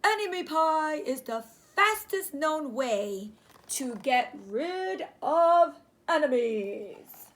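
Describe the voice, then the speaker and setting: A woman voicing a secretive, dramatic dad from a children's storybook, drawn-out, emphatic and mysterious. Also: high-pitched, very animated, heavily acted. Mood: grave, emphatic.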